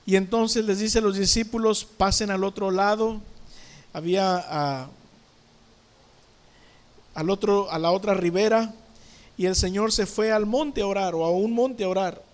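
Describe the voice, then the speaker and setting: A male pastor preaches a sermon in church. His voice sits high, and he keeps asking the congregation questions. He brings scenes to life with sudden sound words. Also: unhurried, long pauses.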